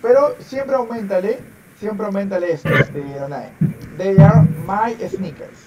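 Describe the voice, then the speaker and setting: A man's voice: high-pitched, very animated, a little slow, far from the mic, muffled recording, heavy background noise. A man teaching an online English class, patiently repeating words and phrases over and over for his pupils. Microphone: video call.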